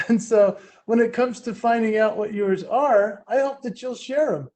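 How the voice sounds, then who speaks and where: A man giving a playful, energetic motivational keynote full of personal stories. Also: sits high, normal speed. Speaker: keynote speaker.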